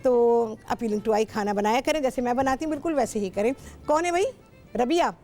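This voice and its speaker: A high-pitched woman hosts a cooking show in a TV studio, speaking with a Pakistani Urdu accent. She is talkative and instructive, and circles back to repeat her points. Faint music plays behind her. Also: moderate pace, a little mellow. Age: middle-aged. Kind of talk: chatty cooking show talk with callers. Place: television studio.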